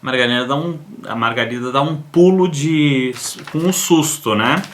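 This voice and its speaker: A man's voice: medium pitch, moderate pace, slight background noise. A man with a Brazilian accent, hosting a cartoon review and casually retelling an episode scene by scene, quoting the characters in his own plain voice. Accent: Brazilian Portuguese.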